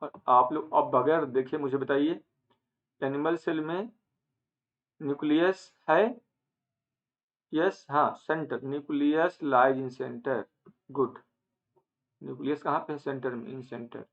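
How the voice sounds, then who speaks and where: A man teaching an online lecture, asking questions and answering them himself, with English terms mixed in and some phrases drawn out slowly. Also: fairly high pitch, fairly bright tone. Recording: phone-like narrow band.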